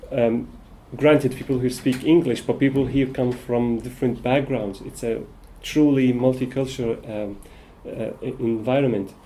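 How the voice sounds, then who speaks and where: A man facilitating a casual group discussion, speaking hesitantly with many filler pauses. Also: medium pitch, steady tone, warm tone, slight background noise, low-quality recording.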